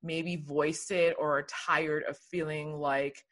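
A woman's voice: low voice, flat delivery, slow pace, a bit bright. A woman from Liberia, a guest telling her story in an earnest, reflective way during a casual conversation.

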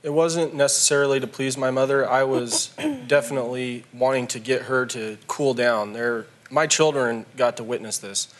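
A young man, a talk show guest, speaking earnestly and a little haltingly about his family. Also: medium pitch, fairly even intonation. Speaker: guest, husband.

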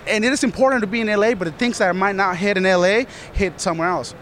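Male guest from Colombia, earnest and rambling, slightly high, light outdoor noise. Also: fast, a bit bright. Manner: earnest, rambling, many "you know"s. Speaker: studio manager, guest. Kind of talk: casual interview answers.

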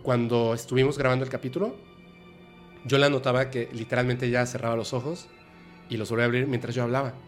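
A man hosting a podcast, telling a personal story in a halting, emotional way with many restarts. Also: medium pitch, flat delivery, soft background music. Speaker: podcast host. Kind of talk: personal storytelling in a casual chat.

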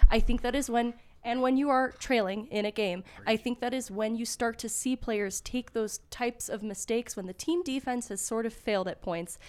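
A woman giving casual sports analysis on a talk show, explaining in earnest, measured detail. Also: a little high, darkish tone.

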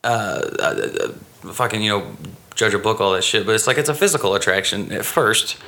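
A man in a casual chat, talking in a halting, rambling way with plenty of swearing. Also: lowish voice, sharp tone. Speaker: comedian.

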